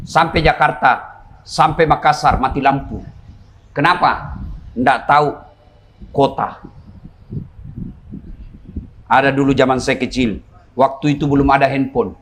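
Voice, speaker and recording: A middle-aged man from Indonesia, preaching a humorous sermon before a crowd, acting out characters and shouting punchlines. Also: medium pitch, measured pace, pauses often. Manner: jokey, plays characters and shouts for laughs. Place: large event before a crowd.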